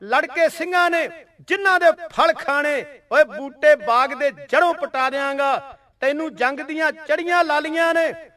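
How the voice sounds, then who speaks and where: A man playing a raging general spitting rhymed threats at his enemy, pitched high and caught by a mic some distance away, in a recited battle tale. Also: bright, forceful tone, exaggerated voice. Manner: angry threatening boasts in rhymed verse. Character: furious boastful male army general.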